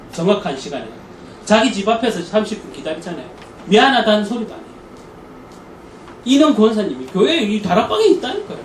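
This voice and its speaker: A male lecturer teaches a church parenting class, telling stories and acting out the people in them. His voice is high and swings widely in pitch. He is heard from some distance in an echoey hall with faint noise behind. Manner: animated storytelling, acts out quoted people.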